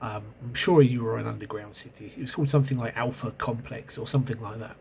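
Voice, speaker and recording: A man with a medium-pitched, creaky voice talks fast, with a crowd audible in the background. Hosting his role-playing game review channel despite a cold and sore throat, he rambles through a casual spoken review of an old RPG, hesitant and full of ums and self-corrections. He records at home on a camera mic.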